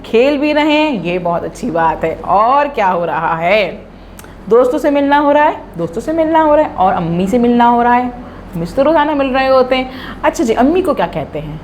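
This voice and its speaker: Woman, children's teacher, fairly high voice, lively and slow, faint hiss behind. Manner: drawn-out, sounded-out words for children. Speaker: primary school Urdu teacher. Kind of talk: children's lesson, slow and expressive.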